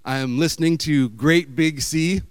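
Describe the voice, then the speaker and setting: Chatty man, smooth voice. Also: a little high, normal speed, dry recording. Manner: chatty, meandering, playful. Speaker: speaker giving a talk. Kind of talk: rambling storytelling talk with slides.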